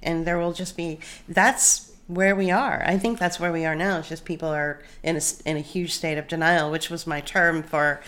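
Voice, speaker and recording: Emphatic woman with a low voice hosting. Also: fairly even intonation, moderate pace, few pauses, fairly bright tone. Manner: emphatic, opinionated. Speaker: host. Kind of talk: casual podcast chat.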